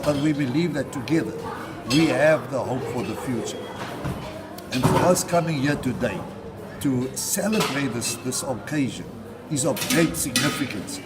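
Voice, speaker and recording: A man's voice: a little high, low-quality recording. A man speaking fervently about a celebration, building up lists of repeated phrases. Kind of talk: interview statement. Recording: outdoors with a loud crowd behind.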